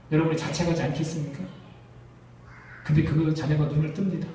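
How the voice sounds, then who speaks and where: A man's voice: fairly high pitch, dark tone, a little hiss or hum. A Korean man preaching a sermon to his congregation, emphatic and full of rhetorical questions. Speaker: pastor. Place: church sanctuary. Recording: echoey church hall, distant mic.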